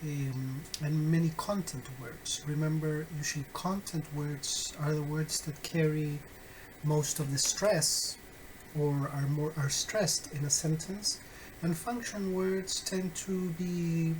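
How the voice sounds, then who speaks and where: A man walks through a phonetics lesson at an unhurried pace. He pauses often and keeps checking that his listeners follow. A faint hiss of room noise sits under his voice. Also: fairly high pitch, fairly even intonation, poor audio. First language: Spanish. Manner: slow, patient, many "uh" fillers and "okay?" checks. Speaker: phonetics teacher. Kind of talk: recorded online lecture.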